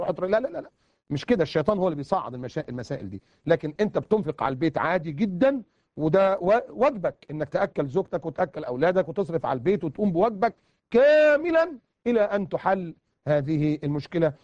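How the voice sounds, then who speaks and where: A man with an Egyptian accent delivers a sermon at a breakneck pace in a fairly high voice, hammering points home with repeated words. The recording is dull and lo-fi but dry, with no room sound. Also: darkish tone, dry recording. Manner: emphatic, repeats words for stress. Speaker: preacher. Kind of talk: colloquial sermon.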